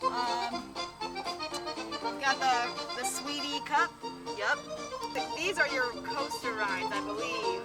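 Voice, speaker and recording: A woman with a fairly high voice answers the host in short, teasing remarks. She is heard away from the camera mic outdoors, with very loud music playing behind her. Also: slow pace, long pauses. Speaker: companion on the vlog. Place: outdoors in an amusement park.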